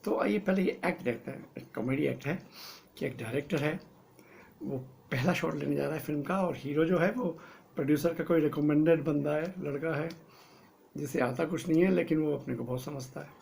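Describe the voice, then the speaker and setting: Casting: older acting teacher in his sixties, gravelly voice, fairly high pitch, playful. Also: fairly quick, slight background noise. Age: 60s. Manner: lively, playful explanations. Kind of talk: teaching lesson to camera.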